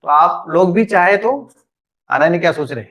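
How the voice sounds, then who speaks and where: A man's voice: sits high, lively intonation, moderate pace, a bit bright. A middle-aged man teaching an online math class, chatty and joking, teasing his students by name.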